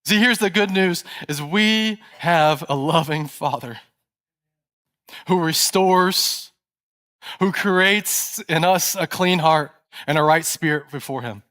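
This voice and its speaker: A male pastor preaching a sermon in a church, telling a story and dropping to a soft, hushed voice at tense moments. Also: on the high side, slow pace.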